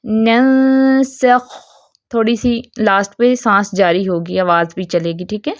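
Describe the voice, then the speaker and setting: A woman with a Pakistani Urdu accent teaching Quranic pronunciation, stretching out model syllables slowly and often checking if students follow. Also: mid-range voice, no room sound, studio quality. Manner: patient, drawn-out model syllables, frequent "theek hai?" checks. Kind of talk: tajweed pronunciation lesson.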